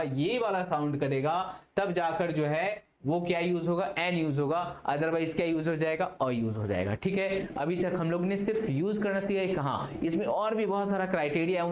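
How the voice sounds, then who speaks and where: A man teaching English grammar in a video lesson. He asks questions and answers them himself, mixing Hindi and English. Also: on the high side. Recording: roomy echo, faint background hiss.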